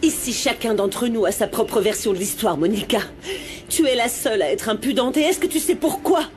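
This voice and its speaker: A woman's voice: fairly high pitch, brisk, lightly acted. An actress playing a mother who defends a long-kept secret, in a dubbed telenovela. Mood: defiant. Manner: pleading, tearful.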